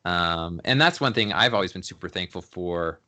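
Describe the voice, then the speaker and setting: A man's voice: sits low, expressive, moderate pace, sharp tone. A man being interviewed as a photographer, talking in a laid-back, slangy way and laughing often. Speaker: photographer guest. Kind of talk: casual interview chat.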